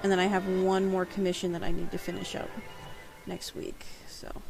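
A woman's voice: lowish voice, completely flat delivery, normal speed, vocal fry, music in the background, poor audio. A woman hosting a casual crafting livestream, talking in a rambling, chatty way with frequent restarts. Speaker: livestream host. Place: home crafting stream.

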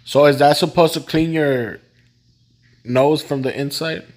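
A man's voice: fairly high pitch, steady tone, unhurried, a little mellow. A young man hosting a casual reaction video, talking in a laid-back, slangy way. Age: young adult.

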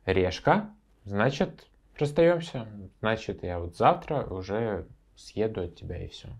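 A man's voice: fairly low pitch, lively intonation, unhurried, creaky, breathy edge, heavily acted. A man playing an exasperated young boyfriend. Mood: weary. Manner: bickering, then tired and resigned. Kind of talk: short film acting.

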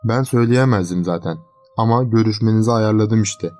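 A man voicing a calm, cold young fiancé who talks in a flat, coolly threatening way in a horror storybook reading. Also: on the low side, a little fast, faint music behind, lightly acted.

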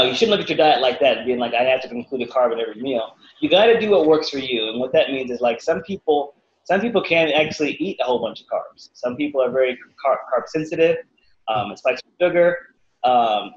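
Animated man on a roomy video call. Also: medium pitch. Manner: animated, acts out quotes with voices. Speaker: guest, fitness cook. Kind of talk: casual interview answers. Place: living room at home. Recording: roomy, slightly dull video call audio.

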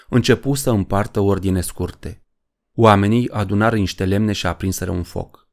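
A man narrating a horror story in a measured, dramatic way. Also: low-pitched, gravelly, darkish tone. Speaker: audiobook narrator.

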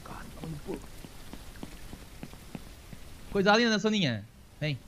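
A man giving casual let's-play commentary, excitable, calling out to viewers and coaxing animals aloud. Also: high-pitched, normal speed, very noisy. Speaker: gaming streamer.

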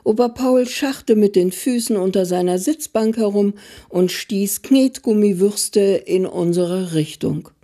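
A woman author giving a calm, measured reading of her own story. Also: mid-range voice. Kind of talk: literary reading.

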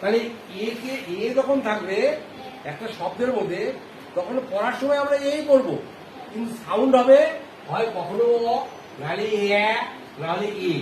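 A male primary school teacher giving a phonics lesson to a class, often asking questions and repeating answers slowly. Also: sits high, animated, darkish tone. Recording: echoey classroom with background noise.

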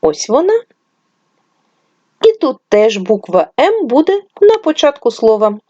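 A woman's voice: high voice, very animated, mellow, no echo. Woman teacher, young kids' reading lesson, stretched-out sounds, dull lo-fi dry recording. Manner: slow, drawn-out sound-by-sound enunciation. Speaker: primary school teacher.

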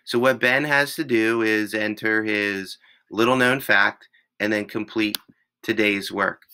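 A male teacher with a raspy voice, patiently walking students through an online classroom step by step. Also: fairly low pitch, fairly even intonation, sharp tone, poor audio. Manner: slow, patient step-by-step explaining. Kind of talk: screen-recorded class tutorial.

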